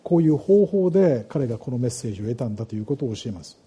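A man's voice: mid-range voice, animated, very fast, mellow, breathy edge, highs cut off. A middle-aged man preaching a sermon, reading scripture aloud and asking the congregation questions. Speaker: pastor.

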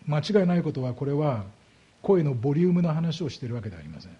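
A man's voice: fairly high pitch, very animated, breathy edge, dull audio. A man preaching a sermon as a pastor, explaining scripture and asking his congregation rhetorical questions. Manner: slows down heavily on key words.

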